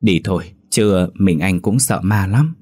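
A man's voice: low-pitched, animated, unhurried, darkish tone, husky, heavily acted. A man playing a blunt young villager. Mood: scared.

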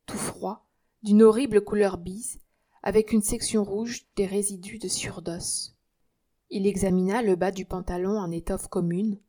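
A woman reading a nineteenth-century novel aloud in a measured, dramatic way. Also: medium pitch, dark tone. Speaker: audiobook reader.

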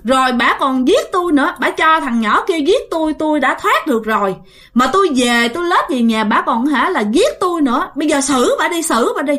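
A woman voicing a spiteful talking cat that accuses its owner in a shrill, indignant way. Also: lively intonation, brisk, fairly bright tone. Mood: accusing.

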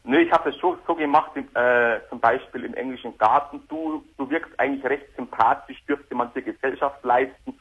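A man in his thirties calling in on a speakerphone headset, talking in a hesitant, halting way over a dull phone line. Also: mid-range voice, slightly rough. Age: 30s. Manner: hesitant, halting, repeats words. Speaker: caller. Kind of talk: call-in radio conversation.

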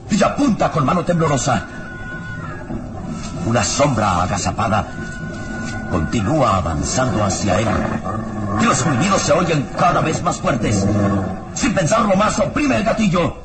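Theatrical male narrator over loud music. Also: fairly high pitch, very animated, measured pace, pauses often. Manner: solemn, suspenseful, theatrical. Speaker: radio drama narrator. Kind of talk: dramatic scripted narration, old radio serial.

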